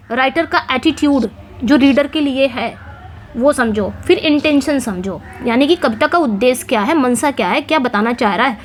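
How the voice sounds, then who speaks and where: A woman explains English literary terms for exam preparation, going through each answer step by step. She reads English phrases out slowly and carefully. Her voice sits high, with a faint background hum. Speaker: English teacher. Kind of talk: exam-prep lesson explaining multiple-choice answers.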